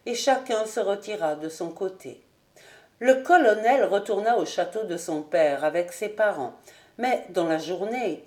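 A woman narrating a classic novel as an audiobook reader, steady and even. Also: lowish voice, echoey room.

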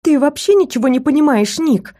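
Woman doing a high, pleading young heroine. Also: normal speed, mellow, natural voice. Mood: indignant.

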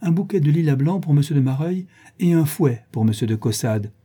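A man's voice: a little high, lively intonation, a little fast, mellow, husky, voice pushed up. A man reading an audiobook, voicing a witty, playful aristocratic lady who hands down mock-solemn judgments.

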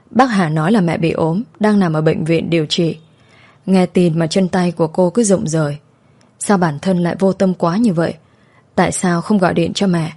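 Calm, low-voiced woman storyteller. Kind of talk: scripted story narration.

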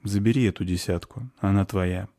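A man's voice: low-pitched, steady tone, moderate pace, warm tone. A man voicing an impulsive, guilt-ridden young man who speaks in an agitated, remorseful way in an audiobook. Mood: troubled.

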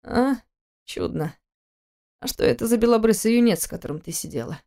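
A woman reading the part of a scornful, controlling husband in an audiobook, speaking quietly, mockingly and with menace. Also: on the high side, lively intonation, a little fast. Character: cold, scornful adult man, a controlling husband.

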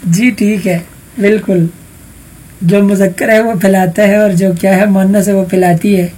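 A man's voice: high-pitched, darkish tone, slightly rough. A man teaching an online Arabic vocabulary lesson, patiently calling on students by roll number and explaining answers.

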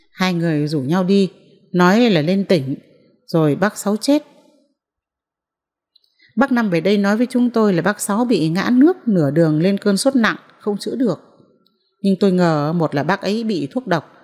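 A woman reads a novel aloud in the first person, measured and mournful. Her voice sits at a middle pitch. A long hall reverb lingers behind each sentence. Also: darkish tone. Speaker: audiobook reader.

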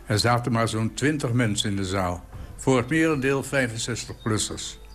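A man's voice: medium pitch, normal speed, fairly bright tone, soft background music. Dry, wry man in his eighties. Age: 80s. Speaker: columnist. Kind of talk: reading his own column.

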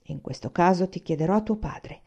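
An impulsive young man presses his point with urgent emphasis in a storybook reading, voiced by a woman. Her tone stays mellow and warm, on a slightly muffled recording. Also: high-pitched, brisk, creaky, slightly rough, full character voice. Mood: earnest.

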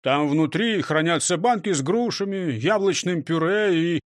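A man's voice: on the high side, expressive, moderate pace, dry recording, studio quality, natural voice. A man voicing a simple-minded, food-loving male robber who talks in an eager, childlike way.

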